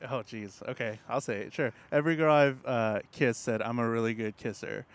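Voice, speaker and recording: A man guests on a podcast, chatting casually in a middle-pitched voice. He tells his story with animated energy and breaks into laughter often. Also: normal speed. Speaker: podcast guest, trombone player. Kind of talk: casual chat.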